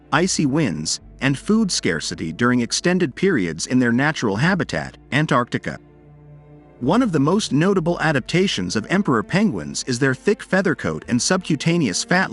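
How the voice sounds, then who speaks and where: A man reads scripted nature documentary narration in a measured, formal explanatory way. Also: medium pitch, slightly rough. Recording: background music under voice. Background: music.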